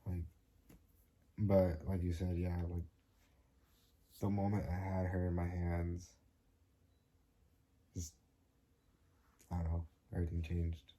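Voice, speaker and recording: Deep husky young man, quiet and laid-back. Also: monotone, slow pace, pauses often. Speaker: young father answering viewer questions. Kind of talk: casual Q&A chat.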